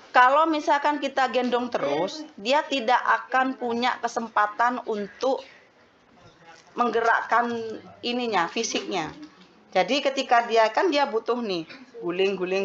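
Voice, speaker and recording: A woman's voice: a little high, unhurried, pauses often, a bit bright, muffled recording, a little hiss or hum. A woman giving an explanatory parenting seminar talk to mothers. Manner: explanatory, addresses mothers as Bun. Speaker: parenting speaker.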